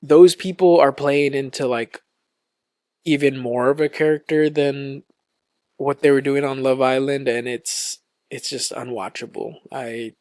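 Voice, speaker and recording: A man hosting his own podcast in a relaxed, casual way, with lots of ums and likes. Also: medium pitch, dry recording, clean studio sound. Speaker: podcast host. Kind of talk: casual solo podcast chat.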